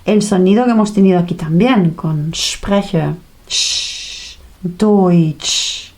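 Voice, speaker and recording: A woman's voice: fairly low pitch, normal speed, mellow. A woman teaching a language lesson in a playful way, acting out sounds and little reactions.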